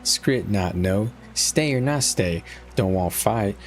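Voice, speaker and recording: A man's voice: on the low side, lively intonation, slow pace, faint music behind. A man voicing a simple, sorrowful and resentful rat-like outcast from a fantasy game, speaking in clipped broken grammar. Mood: plaintive. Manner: clipped broken grammar, refers to himself by name. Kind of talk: reading a game journal in character.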